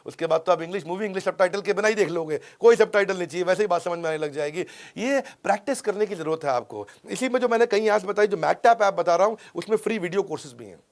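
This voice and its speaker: A middle-aged man lectures with punchy emphasis, his voice sitting a little higher than most men's. He hammers home each tip and circles back to repeat it, switching freely between Hindi and English words. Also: fast talker, few pauses. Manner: emphatic, repeats points, acts out film dialogues in a lowered voice. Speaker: motivational speaker teaching English learning tips.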